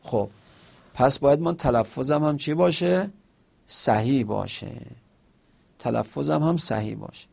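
Guy teaching a seminary class, gravelly voice, keeps asking himself questions n answering. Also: mid-range voice, lively intonation, long pauses, a little mellow. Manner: explains with examples and asks himself questions; quotes Arabic phrases within Persian speech. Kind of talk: seminary lesson on Arabic rhetoric.

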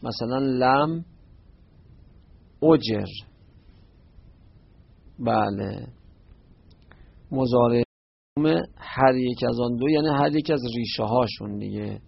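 Male grammar teacher, gravelly and husky, chanting verb forms slowly; muffled lo-fi recording. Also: medium pitch, no echo. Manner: recites verb forms in slow drawn-out chants. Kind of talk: classroom lesson.

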